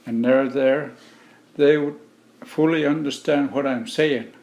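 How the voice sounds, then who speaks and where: A middle-aged man from Alaska, a native Yupik speaker, answering interview questions in a plain, measured way. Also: mid-range voice, steady tone, a little mellow. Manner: slow, plain-spoken, measured. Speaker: interview guest. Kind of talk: relaxed conversational interview.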